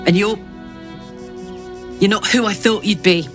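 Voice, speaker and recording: A woman's voice: medium pitch, measured pace, lightly acted. A woman playing a big-hearted warrior in a video game, blunt, wounded and earnest. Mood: disappointed, resolute. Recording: music behind. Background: game music.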